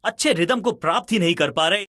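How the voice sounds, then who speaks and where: Excited, bright, high-pitched male cricket commentator. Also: fast talker, no echo, studio quality. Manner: dramatic, flowery exclamations.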